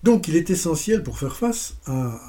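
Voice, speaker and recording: Warm-voiced man explaining business concepts. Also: a little high, measured pace. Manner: playful asides with self-mocking humor; steady step-by-step explaining. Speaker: business presenter.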